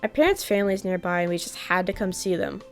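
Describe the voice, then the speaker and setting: A woman's voice: lowish voice, animated, fast, soft background music. A woman voicing a sulky, bratty young boy who whines and huffs about being dragged along. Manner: whiny, huffy complaints.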